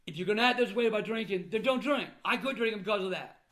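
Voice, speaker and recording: A man's voice: sits high, fast talker, fairly bright tone. An older man talking casually and bluntly to his viewers, with the plain manner of an old grandfather. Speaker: vlogger recounting family troubles. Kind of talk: casual personal talk to viewers.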